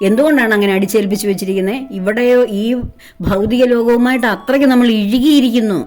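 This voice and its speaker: A woman's voice: a little high, fast talker, a little mellow. A woman giving a devotional spiritual talk, asking rhetorical questions in an earnest, persuasive way. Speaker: spiritual speaker.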